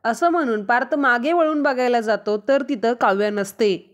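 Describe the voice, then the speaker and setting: A woman's voice: on the high side, normal speed. A woman narrating an episode recap of a TV serial in plain storytelling. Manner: plain storytelling with repeated linking phrases.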